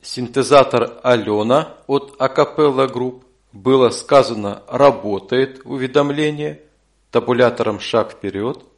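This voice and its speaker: A man narrating scripted step-by-step instructions as an audio course instructor, measured and neutral. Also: mid-range voice.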